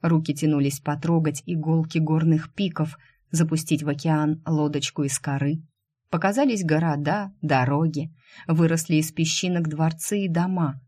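Low-voiced woman reading a fantasy audiobook. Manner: expressive reading, voicing the characters. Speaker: narrator.

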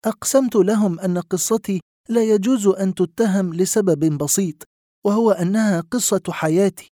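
Bitter older lady in her 60s, reproachful and sarcastic, high and pushed, a guy doing her voice. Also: normal speed, warm tone, no echo, studio quality, lightly acted. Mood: angry reproach. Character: bitter angry woman in her sixties.

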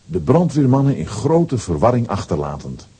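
Telling a scripted children's story, this man takes an expressive, storyteller's approach. His voice is medium-pitched and slightly rough, moving at a moderate pace.

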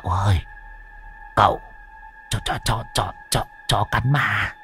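A man's voice: on the high side, sing-song, a little slow, fairly bright tone, soft background music, pitched above the performer's own voice, heavily acted. A man voicing a jittery, boastful and cowardly old man who stammers and wheedles, in a spooky storybook tale. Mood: panicked.

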